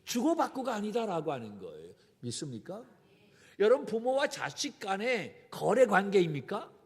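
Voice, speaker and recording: A man's voice: sits high, huge pitch swings, moderate pace. A man preaching a Sunday sermon as a pastor, with emphatic direct appeals to his congregation. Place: church sanctuary. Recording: long hall reverb in a church.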